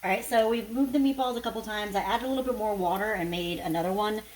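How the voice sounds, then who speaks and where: A woman's voice: medium pitch, fast talker, a little mellow, low-quality recording. A woman food vlogger talking casually through what she is cooking. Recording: faint kitchen noise, frying sizzle.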